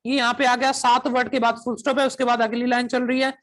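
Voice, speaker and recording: A man's voice: very high voice, little pitch movement, fast, a bit bright. Male PTE teacher quizzing his class. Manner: keeps checking if students understand, drills with questions; switches between Hindi and English demonstration phrases. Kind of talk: classroom lecture to students.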